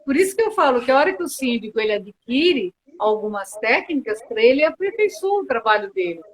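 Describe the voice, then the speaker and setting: A woman's voice: a little high, sing-song, a little fast, low-quality recording. A Brazilian woman mediator answering interview questions earnestly, often restarting with hesitant fillers, on a video call. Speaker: mediator and guest.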